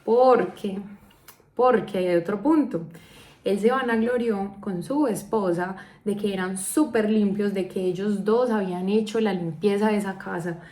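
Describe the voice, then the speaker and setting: Colombian woman vlogger, lively storyteller, mid-range voice, roomy echo. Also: mid-range voice, unhurried. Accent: Colombian Spanish. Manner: animated, acts out quoted dialogue. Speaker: vlogger telling a personal story. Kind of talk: casual storytelling.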